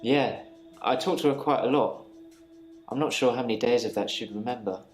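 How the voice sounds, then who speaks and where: An actor in a live-action mystery game playing a troubled male patient who calmly recounts reliving the same day. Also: medium pitch, normal speed, lightly acted. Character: troubled male patient haunted by repeating days. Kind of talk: scripted game dialogue. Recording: roomy with game music.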